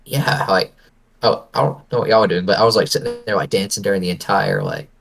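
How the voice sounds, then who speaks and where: A man's voice: fairly low pitch, animated, a little fast, creaky, fairly bright tone. A man co-hosting a podcast in casual chat, playful and teasing. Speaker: podcast co-host.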